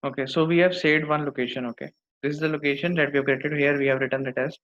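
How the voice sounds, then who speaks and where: A man with an Indian accent giving a step-by-step software tutorial, often repeating his phrases for emphasis. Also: a little high, fairly even intonation, fast talker. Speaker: software instructor. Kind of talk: screen-demo tutorial, explaining step by step. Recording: dull lo-fi microphone sound.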